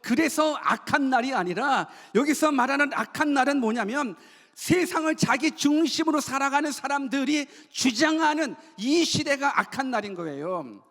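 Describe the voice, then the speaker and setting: A male pastor preaches in a very high voice, asking his congregation question after question and having them repeat lines back. His voice rings with the long reverb of a church sanctuary. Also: animated, normal speed, a bit bright. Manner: asks the congregation many rhetorical questions; leads call-and-response repetition. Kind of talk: sermon.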